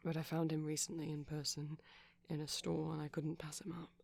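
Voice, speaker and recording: In a soft-spoken ASMR boyfriend roleplay, a man plays a shy, gentle vampire who rambles haltingly, his breathy voice frequently sinking to a whisper. The pitch is fairly high and the delivery monotone.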